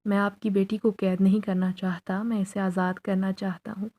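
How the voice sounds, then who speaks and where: A woman's voice: medium pitch, little pitch movement, dark tone, close to an everyday voice. A woman voicing a young male jinn who pleads his love in a spoken horror story. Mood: earnest.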